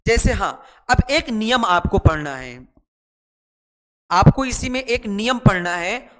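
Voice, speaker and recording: The man's voice is very high-pitched with a fairly bright tone, and there's a big-room sound to the recording. During a chatty online shorthand lesson he explains while writing, goes over words repeatedly, and fields his own students' questions by asking and answering them.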